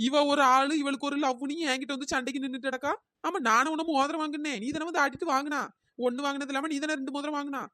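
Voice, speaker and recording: A woman's voice: high-pitched, steady tone, fast, pushed and bright, no room sound, clean studio sound. A woman voicing a scolding, mocking older village woman in a cartoon.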